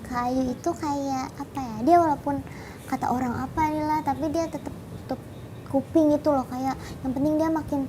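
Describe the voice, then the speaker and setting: A young Indonesian woman speaks in a high, cute, girlish voice. She answers as a casual interview guest, agreeable and slightly halting. There is clear ambient noise behind her. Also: steady tone. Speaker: interview guest, dangdut singer.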